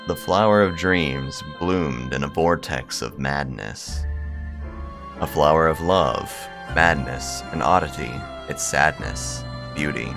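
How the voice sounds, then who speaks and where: Extremely low, gravelly, and slow, this man's voice carries a gaming video where he casually comments and reads visual novel text out loud. He jokes bluntly and crudely, swearing freely, as music plays underneath.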